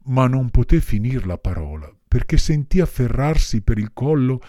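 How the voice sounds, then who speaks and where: A man's voice: medium pitch, big pitch swings, moderate pace, mellow, no echo, studio quality. Man narrating a storybook dramatically. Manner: dramatic, varied delivery. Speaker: audiobook reader.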